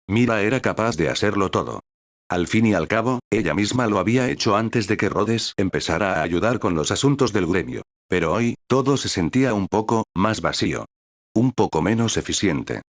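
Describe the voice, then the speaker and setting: A man narrating a novel audiobook in an even, synthetic-sounding read. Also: low-pitched, no echo, studio quality.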